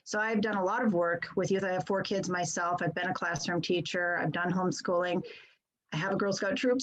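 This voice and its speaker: A woman's voice: lowish voice, low-quality recording. Curious middle-aged woman interviewer. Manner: friendly, curious, conversational. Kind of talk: interview over video call.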